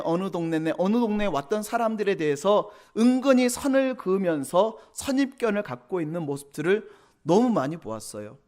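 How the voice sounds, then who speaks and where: Guy pastor giving a sunday sermon in church, bouncy voice, jumps around a lot, acts out people. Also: high-pitched. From Korea. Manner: lively, teasing the congregation with questions; acts out quoted church members in changed voices. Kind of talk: sermon to a young adult congregation. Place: church sanctuary.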